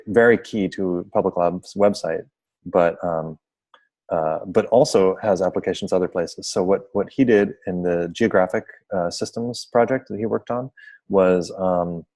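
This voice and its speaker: Low-voiced guy running a video call seminar, rambly and apologetic. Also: darkish tone. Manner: explains at length, apologetic, informal. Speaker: seminar host. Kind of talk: online seminar moderation.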